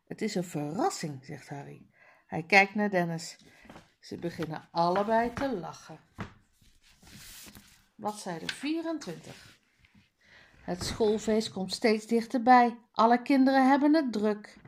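A woman's voice: medium pitch, lively intonation, slow, long pauses, slight background noise. A woman reading a children's book aloud page by page, with careful word drills. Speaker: reader.

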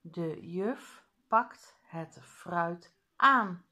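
A woman reading a children's reader aloud, clearly and deliberately, calling out the page numbers. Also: lowish voice, expressive, pushed and bright. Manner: slow, clear, sing-song.

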